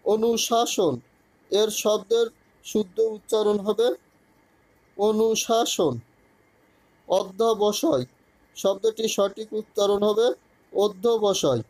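Slow, high-voiced man reading quiz answers. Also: flat delivery, darkish tone, no echo, poor audio. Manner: measured, question then answer. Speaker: exam prep tutor.

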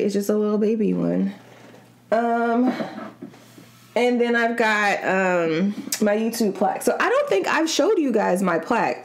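A young woman from Kansas City vlogging to camera in casual, rambling, slangy chat. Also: a little high. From Kansas City, Missouri side. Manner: chatty and rambling, slangy, restarts often. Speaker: mukbang vlogger.

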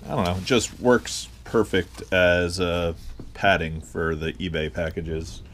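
Man, very low voice, unhurried rambling tour narration, head-cam in a home workroom, faint hiss. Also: fairly even intonation, fairly bright tone. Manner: rambling, hesitant, many fillers. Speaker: online reseller. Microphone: head-mounted action camera.

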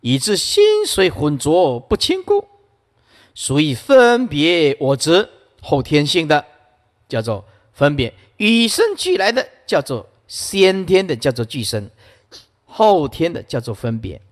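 A man's voice: on the high side, huge pitch swings, takes it slowly. A man giving an emphatic Buddhist sutra lecture, storytelling with frequent interjections. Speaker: Buddhist dharma teacher. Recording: long hall reverb.

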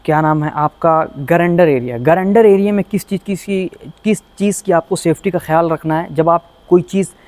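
A man's voice: on the high side, moderate pace, hardly any pauses, darkish tone, no room sound. A man teaching a workshop safety lesson as an auto technician, earnest and pleading, often repeating himself. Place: car workshop.

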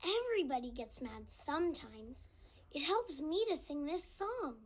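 A young performer voicing a friendly, gentle little boy tiger who narrates a children's read-along storybook in a slow, sing-song way. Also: high voice, big pitch swings. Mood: warm, reassuring.

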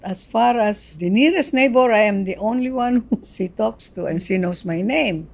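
A woman who lives in a hotel, talking in an interview in a soft-spoken, unhurried way. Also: medium pitch, creaky. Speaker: hotel resident.

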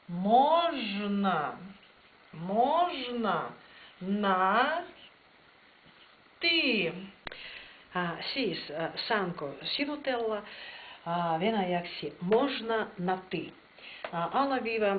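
Woman teacher, explains slow with lots of uhs, tinny phone-like sound, faint hiss. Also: fairly low pitch. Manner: slow explanations with frequent hesitations. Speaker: Russian teacher. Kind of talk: language lesson.

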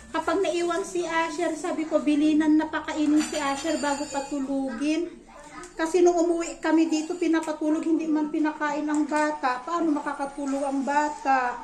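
Young woman, high voice, chatty home vlogger, talks while doing chores, roomy echo. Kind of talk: casual chat to viewers. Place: at home, indoors.

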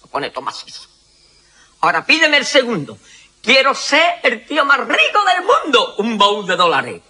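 A man rattles off jokes in a very high, bright voice, his pitch leaping all over. He laughs and shouts out the punchlines, with faint music in the background. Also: wildly swooping pitch, moderate pace. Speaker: joke teller. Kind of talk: telling jokes among friends.

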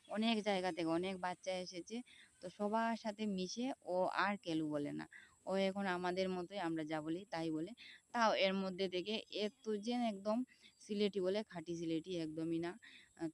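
A woman's voice: on the low side, fairly even intonation, a little fast, no room sound. A woman in her thirties with a Sylheti accent, talking casually to her viewers from beside a pond, repeating herself as she explains. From Tripura, India. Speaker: vlogger. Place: outdoors by a pond.

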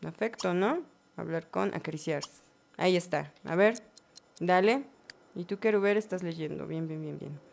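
A woman giving casual let's-play commentary, chatting to her game characters with bursts of excited exclamations. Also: on the low side, moderate pace, vocal fry. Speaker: gaming channel host.

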